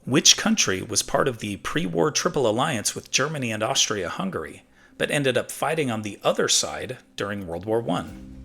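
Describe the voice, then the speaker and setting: A middle-aged man from the United States hosting a history show, reading scripted narration in a crisp, presentational way. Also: mid-range voice, sing-song, normal speed, a bit bright. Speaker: host of a daily history show. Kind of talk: scripted narration for online video. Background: background music.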